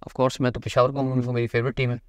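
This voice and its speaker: A man's voice: mid-range voice, level tone, quick pace, no room sound. A man, hosting a casual cricket chat in a small studio and talking emphatically. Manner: talkative, emphatic, gesturing. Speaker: show host, cricketer and actor.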